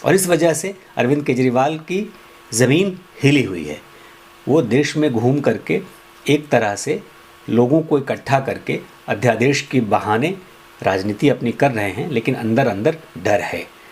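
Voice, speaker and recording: A man delivering a political opinion monologue, accusatory and emphatic, jumping up in pitch on key words. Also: lively intonation, unhurried, slightly rough. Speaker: political commentator.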